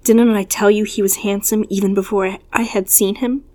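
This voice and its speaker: A woman's voice: mid-range voice, steady tone, brisk, darkish tone, no echo, close to an everyday voice. A bold, playful young woman, eager and gushing, as a reader puts her on. Her voice sits in the middle range, in a storybook reading.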